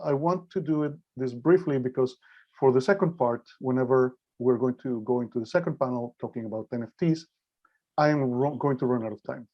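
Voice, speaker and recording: Hesitant man, slightly weak voice, dull audio. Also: mid-range voice. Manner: hesitant, halting delivery. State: slightly weak voice from a mild cold. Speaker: guest lecturer. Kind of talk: informal online presentation. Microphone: video call. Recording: dull, lo-fi video call audio.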